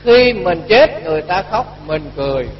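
A man's voice: sits high, animated, normal speed, slight background noise. A man, a Buddhist monk giving a storytelling sermon and acting out the dialogue in his tale. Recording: dull lo-fi recording with long reverb.

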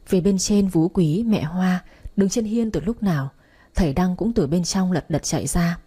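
A woman narrating a story with a steady, measured reading. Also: fairly low pitch, breathy edge. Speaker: audiobook narrator.

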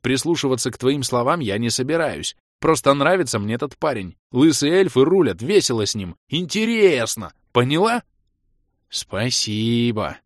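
A man's voice: medium pitch, very animated, moderate pace, hardly any pauses, no echo, close to an everyday voice. A man voicing a blunt, defiant young male hero in a dry, close recording.

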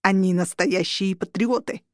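A scheming male vampire lord pushes his case hard and shouts back when crossed, as a woman reading a story voices him. The recording is dry and close. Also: medium pitch, steady tone, unhurried, no room sound, lightly acted. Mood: insistent. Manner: insistent, shouting.

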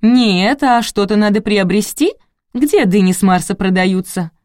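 A woman's voice: medium pitch, unhurried, a little mellow, no echo, clean studio sound, voice pushed up, close to an everyday voice. A woman voicing a self-pitying middle-aged housekeeper who complains a lot, in an audiobook. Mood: complaining.

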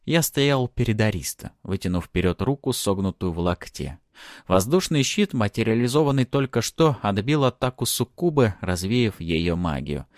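A man narrating a first-person fantasy audiobook in a dramatic, expressive reading. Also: lowish voice, moderate pace, no room sound, clean studio sound.

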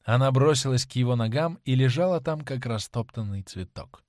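A man narrating an audiobook in a measured, dramatic way. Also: medium pitch, lively intonation, darkish tone, dry recording, studio quality.

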